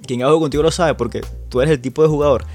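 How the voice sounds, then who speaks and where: This tabletop gaming podcast is hosted by a man with a Venezuelan Spanish accent whose voice is a little high and slightly mellow, racing along with fairly even intonation. His casual, chatty style includes many restarts and repeated words, over faint background music.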